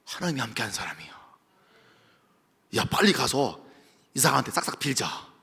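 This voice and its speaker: A man voicing a frightened ancient Philistine king and his herdsmen, pleading and wheedling in a hushed voice. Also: mid-range voice, big pitch swings, moderate pace, gravelly, breathy edge, in a large hall, voice pushed down, exaggerated voice. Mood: nervous. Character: fearful Philistine king and herdsmen, men, begging.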